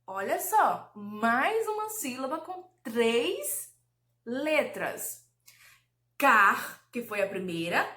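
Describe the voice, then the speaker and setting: A woman teacher giving a recorded lesson for children, patiently explaining and drawing out syllables slowly. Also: high-pitched, big pitch swings, a bit bright, echoey room. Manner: slow, drawn-out syllable pronunciation, patient and explanatory.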